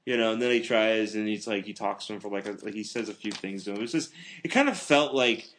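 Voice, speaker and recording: A man's voice: lowish voice, quick pace, a bit bright, a little hiss or hum. A man casually reviewing a film with a co-host, rambling and joking, with lots of filler words. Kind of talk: casual movie review chat.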